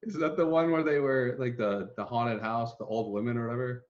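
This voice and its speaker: A young man co-hosting a podcast, talking in loose slangy chat with halting restarts. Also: mid-range voice, dull audio. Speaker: podcast co-host. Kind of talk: casual chat.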